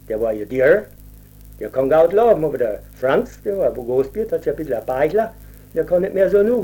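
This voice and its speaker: A man's voice: a little high, mellow. An older man with a who tells a rambling folk tale and acts out the people in it. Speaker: storyteller. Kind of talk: folk storytelling.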